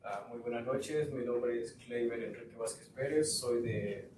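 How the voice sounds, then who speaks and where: A man from Guatemala giving a student presentation to a school board, pausing often with fillers. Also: medium pitch. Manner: halting, with frequent fillers. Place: school board meeting room. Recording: echoey room, far mic, noisy.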